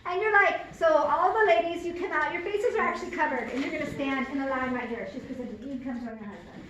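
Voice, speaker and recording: A woman's voice: sits high, quick pace, noisy background. A woman directing a first rehearsal, talking her cast through scenes in a chatty way and playfully quoting lines. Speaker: drama director. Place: large echoey rehearsal room. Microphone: far room recorder. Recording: echoey room from far off, chattering students.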